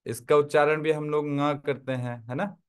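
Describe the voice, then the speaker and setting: A man's voice: a little high, steady tone, normal speed, clear, resonant tone. A man teaching a Tibetan script class online, explaining step by step and often checking that his listeners follow. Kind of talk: online language lesson.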